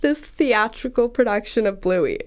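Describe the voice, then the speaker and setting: A woman's voice: a little high, animated, unhurried. A young woman, a guest on a podcast, talking casually and chattily with frequent laughs. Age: young adult. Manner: chatty, lots of fillers, laughs often. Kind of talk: casual chat.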